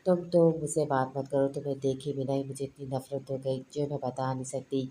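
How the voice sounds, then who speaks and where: A sharp-tongued young woman full of scorn, taunting and belittling the one in front of her, read by a woman narrator in a storybook. The voice stays very low, flat and dark throughout. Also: a little fast, slight background noise. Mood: scornful. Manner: taunting, contemptuous.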